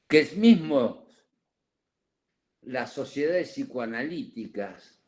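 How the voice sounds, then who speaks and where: Delivering a psychoanalysis seminar lecture, this man wanders off on tangents and keeps tossing in "¿eh?" tag questions. His voice is on the high side, and he coughs and seems to have an itchy throat.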